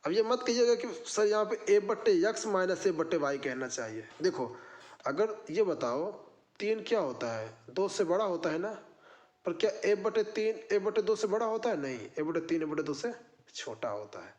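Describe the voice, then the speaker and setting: A man's voice: high voice, animated, moderate pace, darkish tone. A man. He walks through each problem one step at a time, asking the class questions and then answering them himself. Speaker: math teacher. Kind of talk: exam-prep math lesson.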